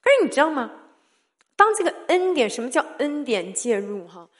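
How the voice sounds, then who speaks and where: A woman giving a sermon-style testimony, animated and often laughing, who keeps putting rhetorical questions to her listeners. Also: high voice, normal speed. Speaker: church speaker sharing testimony.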